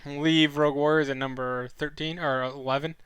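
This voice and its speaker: A young man streams a casual weekly esports review, talking on and on with fillers and self-corrections while his throat gets sore and his voice begins to go. His voice is on the high side with fairly even intonation at a normal pace, a bit bright and clean, recorded dry.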